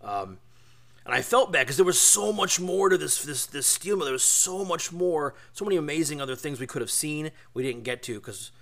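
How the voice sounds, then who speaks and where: A man's voice: a little high, animated, normal speed, fairly bright tone. A man in his forties hosting a podcast, telling a road story in a rambling, chatty way with lots of asides. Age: 40s. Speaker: podcast host. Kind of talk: casual storytelling.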